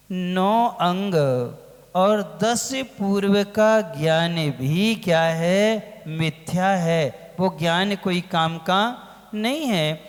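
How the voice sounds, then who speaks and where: A man giving a religious lecture as a monk, asking his listeners questions and answering them himself, drawing out key words slowly. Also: sits high. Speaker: Jain monk teaching a scripture class. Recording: long hall reverb.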